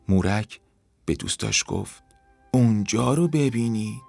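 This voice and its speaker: A man calmly narrating a children's story in a measured reading voice. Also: on the low side, gravelly.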